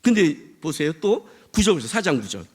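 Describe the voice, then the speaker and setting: A man preaching a sermon as pastor, animated and full of rhetorical questions to the congregation. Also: fairly high pitch, moderate pace, slightly rough.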